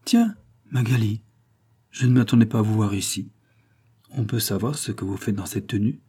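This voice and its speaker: A man's voice: lowish voice, moderate pace, dark tone, breathy edge. A man reading a tough police commissioner in an audiobook, speaking in a cutting, commanding tone. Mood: curt.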